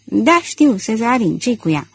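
Brief: earnest, brooding gentleman thief, read by a woman, husky timbre, storybook audiobook. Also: fairly high pitch, very animated, no echo, exaggerated voice. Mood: brisk. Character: gentleman thief, man, middle-aged, passionate and anxious.

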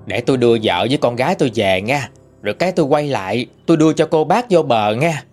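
A man's voice: medium pitch, lively intonation, fast, darkish tone, soft background music, lightly acted. A man voicing a middle-aged fisherman who murmurs a humble, pleading prayer.

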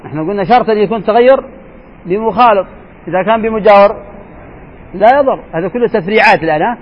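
High-voiced man teaching jurisprudence. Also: fast talker. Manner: asks students questions and repeats points. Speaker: sheikh teaching Shafi'i jurisprudence. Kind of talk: classroom lesson explaining a text. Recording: dull lo-fi recording with faint hiss.

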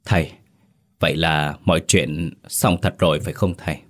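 A man's voice: a bass voice, steady tone, normal speed. A man voicing a shaken middle-aged father who speaks in a choked, pleading way.

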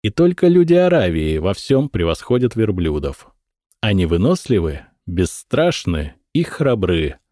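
Male narrator for a historical audiobook, low voice, dry close recording. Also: no room sound. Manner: measured, expressive reading. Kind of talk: scripted narration.

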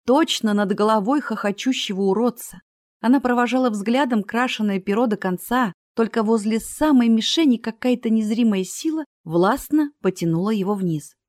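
A woman's voice: medium pitch, darkish tone, no echo. Woman narrator for fantasy audiobook, dry close-miked sound.

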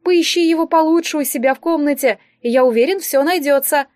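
A woman doing a fussy palace steward, all sugary pet names and patronizing cooing, pitched up high and loud, storybook style. his voice sits bright and a bit raised, like he's fussing over a child. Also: brisk, no echo, studio quality, close to an everyday voice. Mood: doting. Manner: gushing, patronizing, overly sweet.

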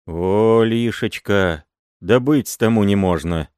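A man's voice: on the low side, slow, a little mellow, no room sound, studio quality. A man voicing an old working man, swearing wailing oaths of innocence in an audiobook reading. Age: older. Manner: wailing oaths, then gruff threats.

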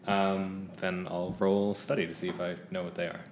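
A man's voice: low-pitched, little pitch movement, normal speed. A man playing in a tabletop game, asking the game master many questions. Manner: inquisitive, asks many questions. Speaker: player. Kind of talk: casual game talk. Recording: echoey room, faint noise.

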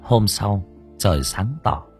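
Expressive male storyteller. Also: on the low side, slow, breathy edge. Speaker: audiobook narrator. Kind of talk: storybook narration. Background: faint music.

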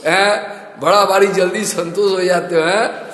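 A male preacher tells scripture stories in a lively, animated way and keeps throwing rhetorical questions at his listeners. His voice sits fairly high. The recording is from a temple hall with strong echo and a long reverb tail. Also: unhurried. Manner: animated storytelling, rhetorical asides. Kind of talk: Hindi religious discourse.

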